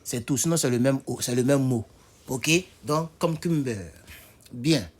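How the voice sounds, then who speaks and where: A man's voice: medium pitch, dark tone, slightly rough. A man teaching English vocabulary in a casual spoken lesson, spelling words out letter by letter and talking straight to his viewers. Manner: spells words out letter by letter, repeats them slowly; chatty, talks to viewers directly.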